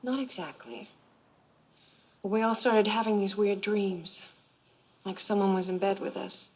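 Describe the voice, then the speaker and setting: An actress playing a guarded, career-driven wealthy woman, speaking in measured lines in a television drama. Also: mid-range voice, steady tone, darkish tone, slightly rough. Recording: TV drama with music underneath.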